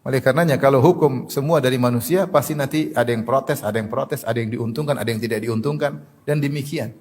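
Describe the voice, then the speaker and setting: A man preaching a sermon, reciting Arabic verses and mocking the views he argues against in an animated way. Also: medium pitch, fast. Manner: animated, mocking imitations of opponents.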